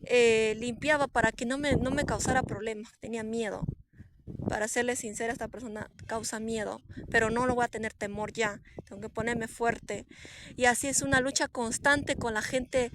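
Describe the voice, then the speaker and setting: High-voiced woman giving an emotional testimony. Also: steady tone, normal speed, background noise. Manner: earnest and emotional, swinging between soft and emphatic; repetitive, with frequent restarts and fillers. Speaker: prophetess sharing a personal testimony. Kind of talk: personal testimony monologue.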